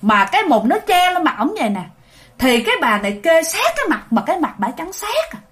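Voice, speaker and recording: A woman with a Southern Vietnamese accent narrates a ghost story in a chatty, spoken way, often turning to address her listeners. Her voice is high and full of lively pitch swings. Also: a little fast. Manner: animated, addresses listeners directly.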